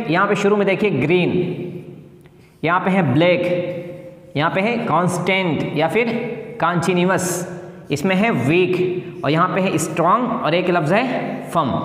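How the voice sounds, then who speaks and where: A man with a high voice teaches English grammar at a board, slowly spelling out each word letter by letter. He poses questions and answers them himself. His voice carries a long, echoing reverb from the room. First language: Urdu. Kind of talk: whiteboard grammar lesson.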